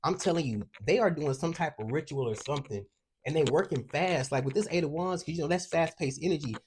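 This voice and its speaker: A man's voice: on the high side, quick pace, darkish tone, a little hiss or hum. A man giving a collective tarot reading in a streetwise, profane, emphatic way, and out of breath at times. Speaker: tarot reader.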